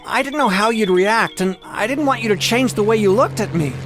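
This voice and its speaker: A woman's voice: fairly high pitch, brisk, music in the background, close to an everyday voice. A woman voicing a nervous, apologetic teenage boy who pleads and makes excuses. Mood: pleading.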